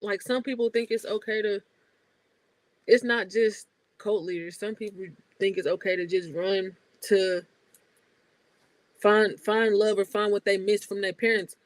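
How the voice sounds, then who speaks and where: A man's voice: high voice, fairly even intonation, a little slow, no echo, rough recording. A man co-hosting a podcast, chatting casually in a laid-back, slangy way. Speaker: podcast co-host.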